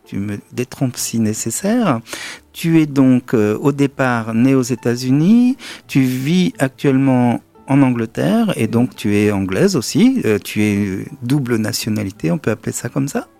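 A man hosting a radio interview, asking questions gently and patiently. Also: mid-range voice, lively intonation, normal speed, creaky, faint music behind. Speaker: radio host.

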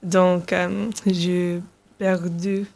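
English teen girl, radio guest, halting French, monotone delivery. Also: on the low side. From England. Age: teens. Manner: hesitant, halting French with many fillers. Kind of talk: radio interview.

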